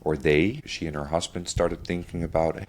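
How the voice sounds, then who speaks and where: Deep-voiced man telling a painful story. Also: flat delivery. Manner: halting, with restarts and fillers. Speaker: podcast guest sharing his family story. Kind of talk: candid interview talk.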